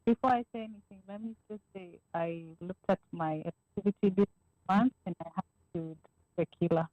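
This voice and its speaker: A woman's voice: on the low side, normal speed, no room sound, phone-quality sound. Woman caller on a choppy call line, hesitant, casual, dry close sound. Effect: on a call, line breaking up.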